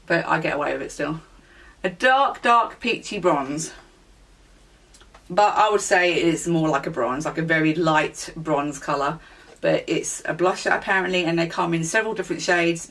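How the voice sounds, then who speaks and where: A woman beauty vlogger in a relaxed, chatty product review, with plenty of ums and small self-corrections. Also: low-pitched, normal speed, far from the mic. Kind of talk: casual product review chat.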